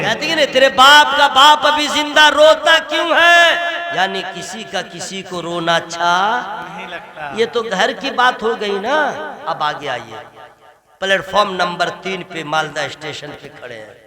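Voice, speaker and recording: High-voiced man preaching a fiery sermon. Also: a little slow. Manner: emotive, swings from loud shouting to soft. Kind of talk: Islamic sermon to a crowd. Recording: live crowd gathering. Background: crowd.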